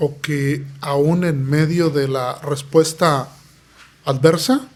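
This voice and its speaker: Earnest pastor, fairly high voice. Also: male voice, steady tone, takes it slowly. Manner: earnest, preaching tone, acts out quoted voices. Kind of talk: podcast interview testimony.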